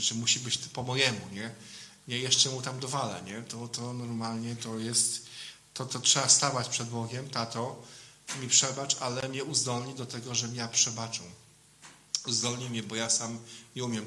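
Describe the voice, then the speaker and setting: Very bright-voiced man preaching informally. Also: medium pitch, a little hiss or hum. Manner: conversational, keeps adding questioning tag "nie?". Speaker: priest. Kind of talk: informal sermon.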